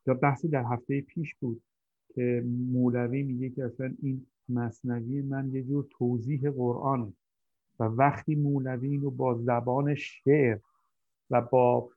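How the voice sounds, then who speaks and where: Heard over a dry, tinny, phone-like line with no room sound, a man with a medium-pitched, level voice hosts a conversational discussion. He talks hesitantly, hunting for his words.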